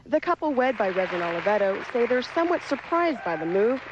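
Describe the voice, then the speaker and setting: A woman's voice: on the high side, big pitch swings, fast talker, dull audio, a crowd in the background, background noise. A woman with an American accent reporting live for television news, moving between explanation and scripted narration.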